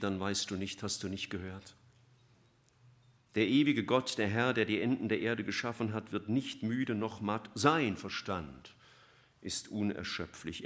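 A man preaching a sermon, swinging between loud emphatic lines and soft, almost whispered ones. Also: lowish voice.

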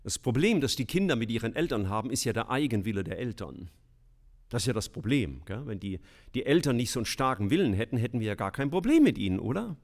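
A middle-aged man preaching a sermon in a lively, emphatic way, with humorous asides. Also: medium pitch, fast talker.

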